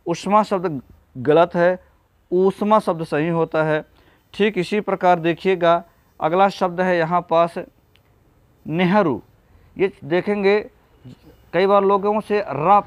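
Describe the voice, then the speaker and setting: A man's voice: high voice, dry recording. A man teaching an exam-prep spelling lesson, patiently going through correct and incorrect word forms and addressing viewers as friends.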